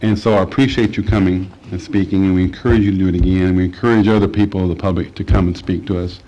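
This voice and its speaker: A man council member speaking in a measured way, starting with halting fillers, into a desk microphone in a council chamber. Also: low-pitched, steady tone, warm tone, highs cut off, slight background noise. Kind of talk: remarks at a council meeting.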